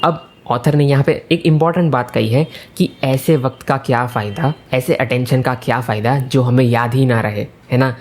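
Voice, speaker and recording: A man's voice: mid-range voice, moderate pace, few pauses, darkish tone. A man giving a casual explainer talk on a book's ideas, mixing English words into his speech and checking in with the listener through frequent tag questions. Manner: mixes English words and phrases into Hindi. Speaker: self-improvement educator explaining a book.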